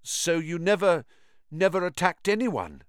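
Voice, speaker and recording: A terrified young schoolboy wizard pleads breathlessly, played by a male narrator. The voice is pushed far above the reader's own and louder. The recording is dry and close. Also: high-pitched, big pitch swings, measured pace, clear, resonant tone, no room sound, pitched above the performer's own voice. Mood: pleading.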